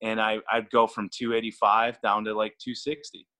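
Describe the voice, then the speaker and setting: On a relaxed podcast, a man who coaches throwing keeps stumbling over and repeating his words, laughing readily as he goes. His delivery is flat and moderately paced, and his lowish voice has a bright, forceful tone.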